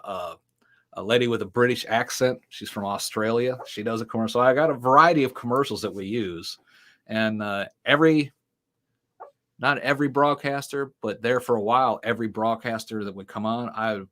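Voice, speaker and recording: This is a medium-pitched, slightly bright male voice belonging to a middle-aged ministry founder being interviewed. Casual and rambling, he spins long stories studded with fillers and now and then a laugh.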